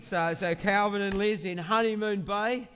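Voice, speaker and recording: This man has a big voice that sits high, with fairly even intonation and a somewhat bright quality. As a pastor he preaches a conversational sermon, haltingly repeating phrases for emphasis and posing rhetorical questions. The large indoor church gives the recording a reverberant hall sound.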